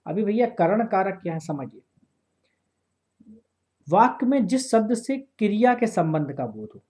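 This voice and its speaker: A man teaching a grammar lesson for exam prep, slowly repeating phrases and often checking that listeners follow. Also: high-pitched, very animated, a little mellow.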